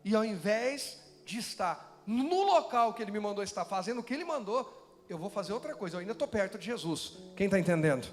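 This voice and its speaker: A man's voice: high-pitched, big pitch swings, fairly quick, big-room sound, soft background music. A man preaching as pastor, building intensity and asking the congregation questions. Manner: preaching with rising intensity, mocking voices in quotes. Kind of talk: sermon.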